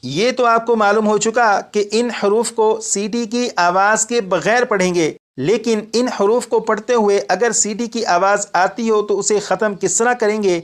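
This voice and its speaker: A man teaching Quran recitation as a classroom lesson, patiently repeating each point and sounding out letters slowly. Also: high-pitched, fairly even intonation.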